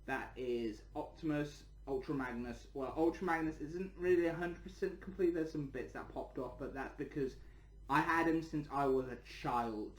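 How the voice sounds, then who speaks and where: A man with a voice on the high side hosts a casual update for his channel, where he reviews toys. Speaking at a normal speed to viewers, he rambles and repeats words and phrases. The room he's in is echoey.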